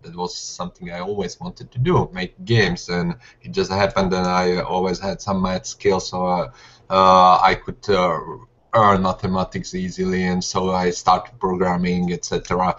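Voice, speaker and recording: A man's voice: deep voice, moderate pace, fairly bright tone. A young man, a game developer guest talking casually and hesitantly on a video call from his living room. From Serbia, Slovak parents. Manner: hesitant, many "uh" fillers, non-native grammar. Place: living room at home, indoors. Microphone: webcam video call. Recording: dull lo-fi video call audio.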